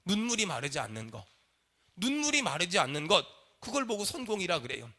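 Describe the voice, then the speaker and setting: A man's voice: high-pitched, big pitch swings, a little fast, sharp tone. A man preaching a sermon in a church, leading the congregation in call and response. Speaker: pastor. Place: church sanctuary.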